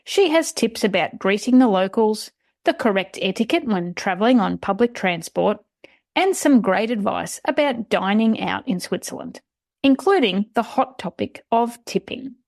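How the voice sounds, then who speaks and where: Woman podcast host, polite and encouraging, mid-pitched, dry close mic. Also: animated, moderate pace, creaky, a little mellow, no room sound. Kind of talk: scripted intro then interview chat.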